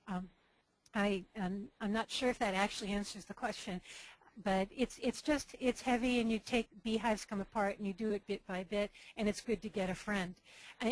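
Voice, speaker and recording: A woman's voice: mid-range voice, dry recording, poor audio. A woman beekeeper answering a question in a webinar, talking it through with restarts and stammers. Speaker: beekeeper guest.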